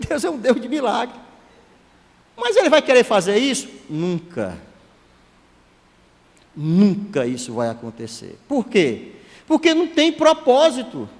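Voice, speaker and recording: A man, a church elder preaching a sermon in a lively, conversational way with joking asides. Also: high voice. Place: church hall. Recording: long hall reverb.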